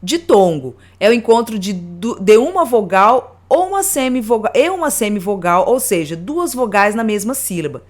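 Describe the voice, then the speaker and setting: Woman teaching grammar slowly. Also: medium pitch, sing-song. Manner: slow and deliberate, spelling out examples word by word. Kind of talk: grammar lesson.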